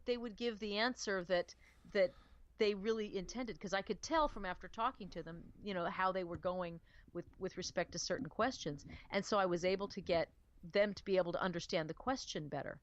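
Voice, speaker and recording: A woman co-hosting a casual talk radio show, animated and playful, acting out quoted voices with emphasis. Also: medium pitch, no room sound, lo-fi sound. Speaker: radio co-host.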